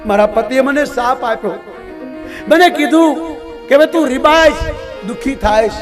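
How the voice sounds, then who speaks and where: A man's voice: very high voice, normal speed, pitched above the performer's own voice. A man preacher voicing a wronged, grieving ancient woman who humbly and tearfully begs for mercy. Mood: pleading. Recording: devotional music playing under the voice.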